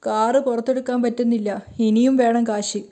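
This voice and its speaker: A woman's voice: on the high side, steady tone, moderate pace, warm tone, close to an everyday voice. A woman voicing a bitter, drunk young man who taunts his family, in a sneering way. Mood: taunting.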